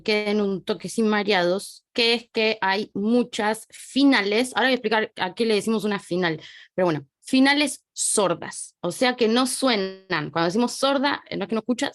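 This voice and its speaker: Argentine woman, language teacher, animated voice with a fairly high pitch, dry close sound, chatty explainer who turns away while writing. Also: no echo. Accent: Argentine Spanish. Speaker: French teacher. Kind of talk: online language lesson. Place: small home study desk.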